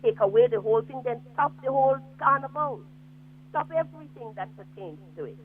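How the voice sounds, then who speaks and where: A man's voice: extremely high pitch, lively intonation, a little fast, a little hiss or hum. A man calling in to a radio show over a phone line, making his point emphatically and insistently. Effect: speaking over a phone line. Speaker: radio caller. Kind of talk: call-in opinion. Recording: tinny muffled phone line.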